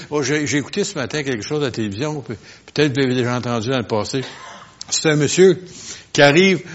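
A man preaching a sermon. He talks with the congregation in a conversational way, asks them questions, and swings from quiet asides to loud, emphatic bursts. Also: medium pitch. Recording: lo-fi, dull sound.

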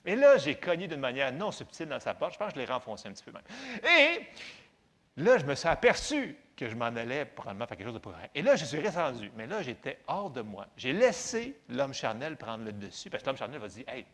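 Animated Québécois man telling a story. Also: mid-range voice, quick pace. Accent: Québécois French. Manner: animated, conversational, self-mocking. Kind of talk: storytelling testimony to an audience.

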